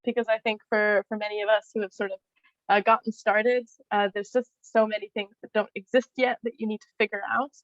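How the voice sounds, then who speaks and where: A woman's voice: mid-range voice, little pitch movement, a little fast, fairly bright tone, no echo, lo-fi sound. A woman speaking on an online panel over a video call, talking loosely with many fillers and restarts.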